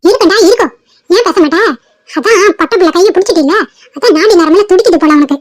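A woman's voice: very high-pitched, quick pace, no echo, studio quality. A woman voicing a quarrelsome, scheming old grandmother in a cartoon family drama, scolding and taunting.

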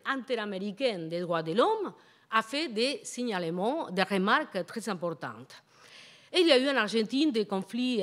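A middle-aged native Spanish-speaking woman with a foreign, Latin American Spanish accent in French, giving a public academic lecture and often halting to search for words. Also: medium pitch. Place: indoor lecture hall at a university. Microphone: handheld-type microphone on a stand.

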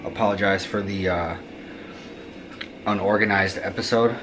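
Young male host, deep voice, easygoing food-review chat in a home kitchen, webcam sound. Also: fairly even intonation, moderate pace, background noise. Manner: laid-back, rambling, tasting between remarks. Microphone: camera mic, webcam framing.

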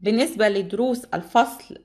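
A woman's voice: medium pitch, fairly quick, a little mellow. A woman teacher with an Egyptian Arabic accent, steadily reading out a list of exam topics for students.

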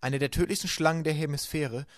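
A man voicing a calm, bookish young teenage boy who explains things gently in an audiobook. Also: fairly high pitch, fairly quick, no echo, studio quality, pitched above the performer's own voice, lightly acted.

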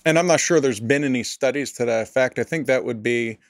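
A man's voice: medium pitch, brisk, no room sound. A man, a pastor, answering interview questions in an earnest, thoughtful way, often restarting his sentences. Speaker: pastor and area director, podcast guest.

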